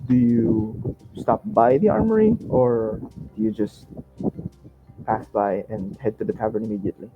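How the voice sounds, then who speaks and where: A man's voice: fairly low pitch, normal speed, over music. A man running a tabletop game as game master, laid-back, laughing often and fumbling through his notes. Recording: dull lo-fi sound with faint noise.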